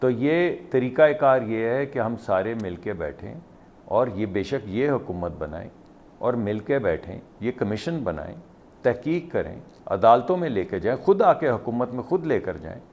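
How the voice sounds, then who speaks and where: A man's voice: fairly low pitch, sing-song, unhurried, darkish tone. A man, a political panelist speaking from a remote studio, arguing insistently point by point. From Pakistan. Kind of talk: heated political debate. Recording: muffled remote link with faint noise.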